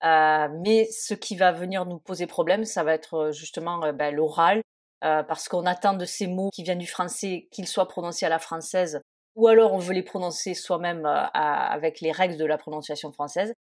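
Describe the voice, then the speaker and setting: A woman's voice: fairly low pitch, steady tone, normal speed. A woman teaching an English lesson in French, often hesitating and spelling words out letter by letter. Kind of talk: spoken lesson.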